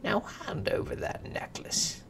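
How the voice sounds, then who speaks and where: A man's voice: unhurried, fairly bright tone, a little hiss or hum, lightly acted. A man voicing a sly, snappish little imp who bargains.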